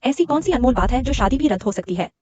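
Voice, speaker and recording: An actress playing a kind young heiress in a dubbed short drama, soft and gentle. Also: female voice, a little high, expressive, fast, breathy edge. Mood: curious. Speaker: rich heiress, female lead.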